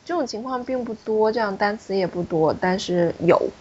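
A woman's voice: medium pitch, normal speed, darkish tone, breathy edge, lo-fi sound. Woman teacher explaining French syllables. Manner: explanatory, repeats key points, calls on students. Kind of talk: classroom teaching. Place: classroom.

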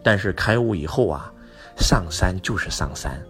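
A man voicing a serene old enlightened monk who speaks slowly and evenly. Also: sits low, animated, a bit bright, faint music behind. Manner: slow, measured, unhurried.

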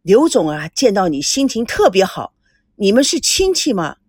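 A woman's voice: mid-range voice, sing-song, moderate pace, darkish tone, husky, no room sound, pitched below the performer's own voice. A woman voicing a charming, playful young businesswoman.

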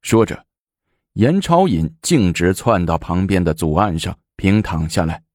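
A man narrating a historical story with animated, dramatic delivery. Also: sits low, a little slow, no room sound, studio quality.

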